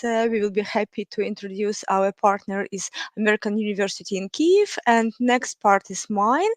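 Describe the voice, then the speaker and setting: Ukrainian woman hosting online webinar, lots of uhs, halting english, dry close mic. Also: a little high, no echo. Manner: halting, many fillers, non-native phrasing. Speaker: webinar host, marketing manager. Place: home office.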